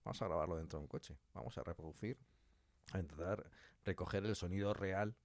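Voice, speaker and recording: A low-voiced man with a darkish tone talks briskly about his creative work as a guest on a podcast. He writes and directs audio fiction, and in this animated interview he's emphatic and likes to act out small quotes. There's no echo.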